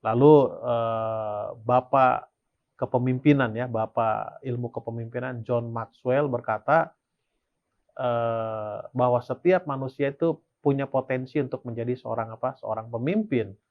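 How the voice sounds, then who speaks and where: Teaching a Sabbath school Bible lesson, this Indonesian man reads passages and then explains them, frequently asking and answering his own questions. His medium-pitched voice is steady and unhurried, heard through narrow, tinny audio.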